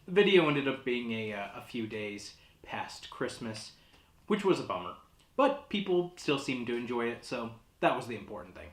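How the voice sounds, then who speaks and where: A man presenting as a casual horror host, with a hesitant, rambling, awkwardly comic delivery. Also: medium pitch. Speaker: horror host of a holiday movie show. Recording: roomy, echoey sound.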